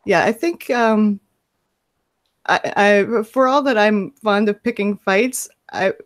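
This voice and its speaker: A woman's voice: mid-range voice, takes it slowly. A woman playing a tabletop game, talking casually and hesitantly with many fillers and some laughter. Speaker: player.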